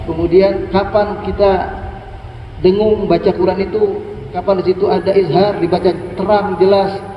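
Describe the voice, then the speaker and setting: A middle-aged religious teacher with a fairly high voice, explaining recitation rules patiently and chanting example verses slowly. He sounds far from the microphone in a large, long-echoing hall, and the recording is muffled and lo-fi. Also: little pitch movement, slight background noise. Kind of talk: morning study lecture on Quran recitation. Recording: echoey hall, distant lo-fi mic.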